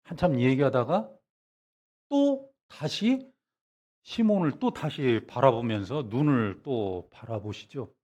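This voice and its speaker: Korean pastor acting out scenes. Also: male voice, takes it slowly. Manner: animated storytelling, acting out dialogue in a hushed low voice; asks the congregation questions. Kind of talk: revival sermon.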